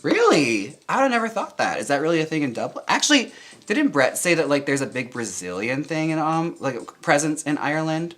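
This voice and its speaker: A young man chatting casually with viewers while getting ready, campy and quick to laugh. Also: fairly high pitch, sing-song, fairly bright tone. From United States. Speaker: drag performer and channel host. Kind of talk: casual chat while reading viewer comments.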